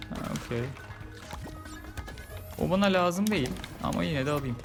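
A man's voice: fairly high pitch, animated, moderate pace, over music. Frustrated man narrating his gameplay. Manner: frustrated, repeats himself, jokey complaints. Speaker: gaming YouTuber. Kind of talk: casual let's-play commentary.

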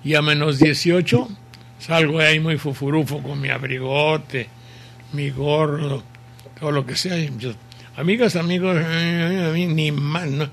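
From a bookshelf-filled home study, an older Mexican-accented man runs a radio show, casually commenting as he reads listener messages. The voice sits on the high side with fairly even intonation and vocal fry, rough from a sore throat, and he goes slowly in a rambling, folksy way.

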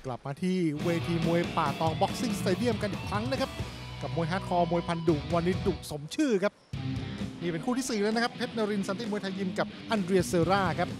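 A man's voice: sits high, fast talker. A man commentating live on a Muay Thai fight as part of a broadcast team. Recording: loud music mixed behind the voice.

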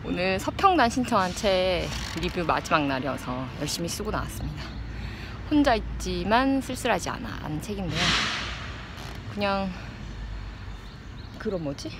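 Outdoors among the trees of an open park, a woman in her thirties vlogs to a phone at arm's length, musing in broken phrases as she looks for the right words. Her voice is lowish but very animated, and the surrounding park sounds are clearly audible.

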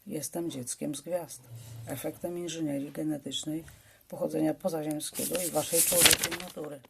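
A woman voicing an eerie, genetically engineered star child speaking from a phone, in a solemn, hushed and measured way. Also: low-pitched, steady tone, gravelly, noisy background.

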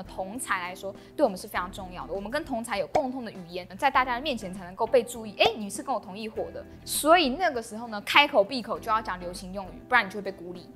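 Her voice sits at medium pitch and sounds a bit bright. She's a young Taiwanese-accented woman running an explainer channel, reading a scripted segment to camera through a clip-on mic in a small indoor space, backed by music.

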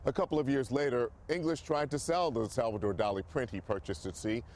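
A man reporting a news story in a measured, scripted narration style. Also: mid-range voice. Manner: measured, even reporting delivery.

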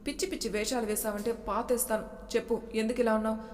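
A woman's voice: fairly high pitch, steady tone, quick pace, a little mellow, lightly acted. A woman voicing an angry, domineering young man in a story reading, talking harshly and with threats. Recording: long echoing reverb.

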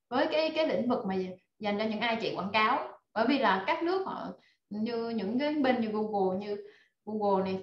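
Energetic woman teaching online. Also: a little high. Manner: energetic, rallying the class with many fillers. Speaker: online course instructor. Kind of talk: live online class over video call. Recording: echoey, dull video-call audio.

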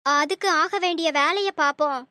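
A woman's voice: high-pitched, moderate pace, sharp tone, dry recording. A woman voicing a nosy, argumentative middle-aged sister-in-law in a cartoon. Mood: arguing. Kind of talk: cartoon voice acting.

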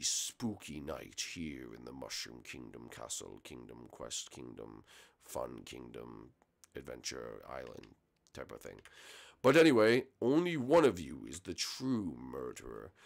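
A man's voice: fairly low pitch, creaky, exaggerated voice. Man doing a mock-dramatic reptile king host. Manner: mock-dramatic, talks to camera. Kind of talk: homemade puppet comedy skit.

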